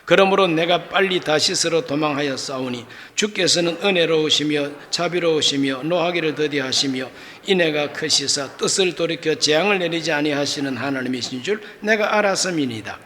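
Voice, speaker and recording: A middle-aged male pastor preaching a sermon, acting out dialogue with loud exclamations and quiet asides. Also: fairly high pitch, normal speed, a little hiss or hum.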